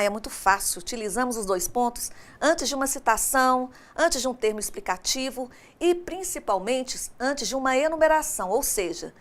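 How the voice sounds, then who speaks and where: Brazilian woman teacher for a recorded online class, slightly high voice, playful and expressive, keeps asking the class questions. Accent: Brazilian Portuguese. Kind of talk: recorded distance-learning lesson.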